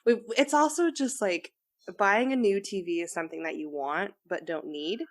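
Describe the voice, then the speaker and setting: A young woman co-hosting a chatty podcast, her talk rambling and loose, full of fillers and quick giggles. Her voice sits at an ordinary middle pitch. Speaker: podcast co-host. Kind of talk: casual chat.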